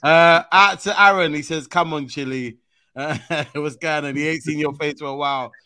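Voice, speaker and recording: A man with a London roadman accent hosting a casual football chat, speaking in animated street slang. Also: fairly high pitch, normal speed, no room sound, studio quality. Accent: London, urban street style. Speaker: football talk show host.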